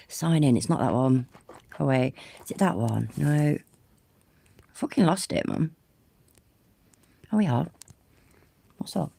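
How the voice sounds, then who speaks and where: Her voice is very deep, gravelly and warm, recorded with no room sound. She's a congested livestream host chatting casually on her phone, cursing freely and making fun of herself.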